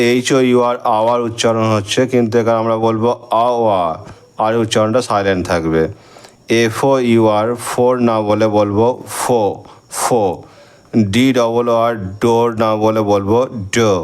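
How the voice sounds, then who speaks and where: A man with a Bengali accent teaching English grammar to schoolchildren, slowly spelling out words letter by letter and counting their syllables. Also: on the low side, smooth. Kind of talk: recorded lesson for schoolchildren.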